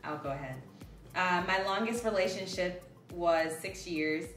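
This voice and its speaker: A woman's voice: fairly low pitch, a little slow, fairly bright tone, reverberant, recorded from a distance, faint music behind, low-quality recording. An easygoing woman from Chicago, a guest on a casual panel.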